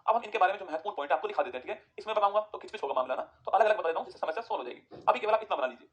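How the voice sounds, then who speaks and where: A man teaching an exam-prep geography lesson, firing quick questions at students and answering them himself. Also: high-pitched, lively intonation, highs cut off.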